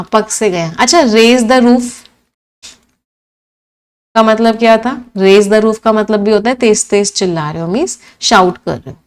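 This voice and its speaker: A woman teaching English vocabulary for exams, asking questions and then answering them herself, repeating each meaning. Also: medium pitch. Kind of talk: exam-prep vocabulary lesson in Hindi-English mix.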